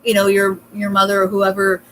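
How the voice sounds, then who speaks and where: A woman hosts a casual interview over a video call, talking in a chatty, encouraging way full of fillers. Her voice sits at an ordinary middle pitch. A faint background hum runs under it. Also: monotone, a little fast, a bit bright, low-quality recording. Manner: chatty and supportive, many fillers. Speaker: host.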